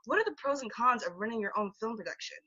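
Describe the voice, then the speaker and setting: A woman interviewer with a bright, tense-edged voice, slightly higher than most, sounding effusive and chatty. The recording is dull and lo-fi. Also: expressive, fast talker. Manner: effusive, lots of filler, laughs often. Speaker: interviewer host. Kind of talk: casual interview.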